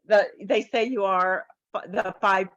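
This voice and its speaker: A woman talks as a podcast guest, telling her stories with lively energy and slipping into the voices of the people in them. The recording is dry and close, with a muffled, lo-fi tone. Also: mid-range voice, a little slow, dry recording. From United States. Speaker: life coach and guest. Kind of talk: podcast interview storytelling.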